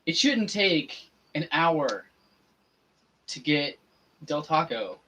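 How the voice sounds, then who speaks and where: Joking, self-deprecating streamer with a bright voice. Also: mid-range voice, very animated, drawn-out words, slight background noise, poor audio. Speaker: co-host of a livestream. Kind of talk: casual livestream chat.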